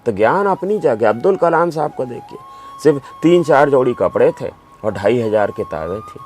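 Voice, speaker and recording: A man speaking as a doctor-writer guest in an interview, with a mid-pitched voice. He tells anecdotes with emphasis and a firm conviction. Faint music sits in the background. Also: darkish tone. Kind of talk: conversational interview answers.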